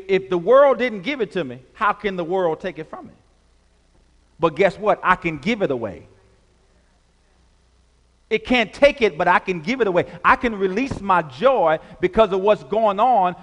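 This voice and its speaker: A pastor with a high, slightly bright voice preaches a sermon in a church sanctuary, with long hall reverb on the recording. He leads the congregation in call-and-response, repeating phrases and building to rising, emphatic passages.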